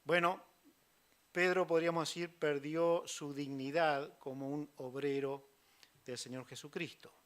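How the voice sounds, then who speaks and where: Preacher with a fairly high voice. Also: male voice, steady tone, measured pace. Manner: swings from loud acted quotes to hushed near-whispers. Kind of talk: sermon. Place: church.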